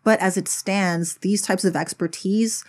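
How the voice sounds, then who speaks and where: A woman's voice: mid-range voice, fairly even intonation, measured pace. A woman giving a casual spoken video essay, blunt and sarcastic, with frequent swearing.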